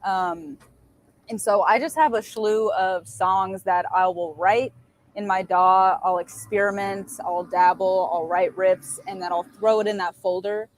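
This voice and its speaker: A woman's voice: medium pitch, steady tone, a little slow, slight background noise. Chatty upbeat woman guest. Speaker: musician guest. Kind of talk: casual chat.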